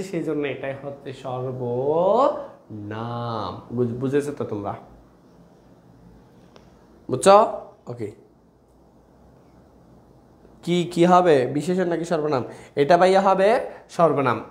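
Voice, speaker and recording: A man's voice: fairly high pitch, roomy sound. A young man teaching an online grammar class in a chatty way, repeating his questions and calling students brother. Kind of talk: online exam-prep class.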